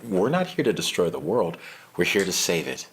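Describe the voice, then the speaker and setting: A man's voice: deep voice, very animated, moderate pace, a bit bright, a little hiss or hum. A man playing an earnest, self-righteous activist in a comedy sketch. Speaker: sketch actor. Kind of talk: satirical sketch acting.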